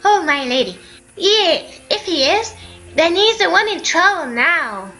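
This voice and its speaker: A courteous old rat gentleman in a video game, gentle and old-fashioned in his politeness, as a woman voices him. The voice sits high and bright. He speaks slowly and with care. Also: very animated, heavily acted. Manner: courtly, addresses her as my lady.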